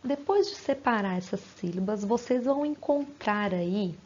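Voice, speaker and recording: Slow, patient teacher woman, husky. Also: medium pitch, lively intonation, a little mellow, lo-fi sound. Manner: patient, sounds out words syllable by syllable. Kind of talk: recorded lesson for young children.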